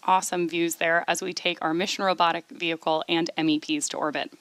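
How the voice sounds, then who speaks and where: Lower-voiced woman hosting a webcast. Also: level tone, fast talker, fairly bright tone, no room sound. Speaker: launch webcast host. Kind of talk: live explanatory launch commentary.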